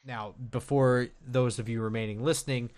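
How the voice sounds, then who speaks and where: A man co-hosting a casual sports podcast, measured and hedging, with many fillers and restarts. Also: mid-range voice, steady tone, a little mellow, clean tone. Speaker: podcast co-host.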